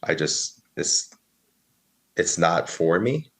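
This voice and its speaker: A man in his thirties with a very deep, low-pitched voice tells his story as a podcast guest. He rambles casually, repeating "so then" and "like", and acts out the words of others. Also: expressive, slow, fairly bright tone, breathy edge. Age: 30s. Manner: rambling, filler-heavy, quotes others.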